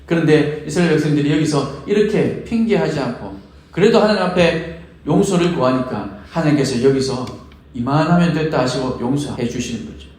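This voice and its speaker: A man's voice: fairly high pitch, animated, a little fast, a little mellow. A man preaching a sermon as pastor, acting out quoted prayers and asking the congregation questions. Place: church sanctuary. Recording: very echoey church hall.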